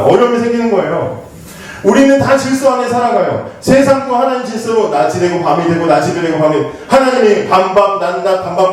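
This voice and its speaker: A man preaching a lively youth sermon in a church. He talks to the teens like a conversation, asks them questions and acts out the lines he quotes. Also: high voice. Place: church sanctuary. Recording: very echoey hall, voice from far off the mic.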